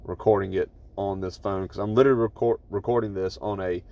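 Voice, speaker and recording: Profane podcast host on a phone voice recorder. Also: male voice, low voice, steady tone, quick pace, mellow. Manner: blunt and profane, with frequent restarts. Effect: recorded on a phone voice recorder app. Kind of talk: casual rambling monologue. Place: inside his truck. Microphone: phone voice recorder app.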